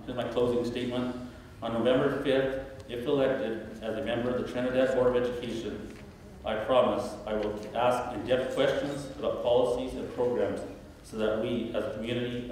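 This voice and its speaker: Guy running for school board, lots of ums, dark voice, big echoey hall, picked up from far back. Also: medium pitch, little pitch movement, a little hiss or hum. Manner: halting, many fillers and restarts. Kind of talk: candidate forum answers, unscripted. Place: large auditorium stage at a podium. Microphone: podium mic from a far camera.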